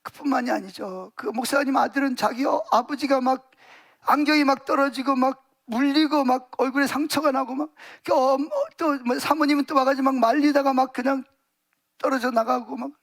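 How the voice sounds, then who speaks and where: In a church sermon, a male pastor with a very high voice for a man tells vivid stories and fills his sentences with emphatic fillers. His tone is steady and a bit bright, and he speaks at a normal speed.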